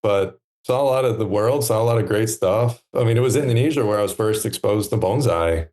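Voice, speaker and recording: A man in his thirties, a podcast guest talking in a relaxed, reflective way with many pauses and fillers. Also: fairly low pitch. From United States. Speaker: podcast guest, stand maker. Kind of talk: relaxed conversational interview.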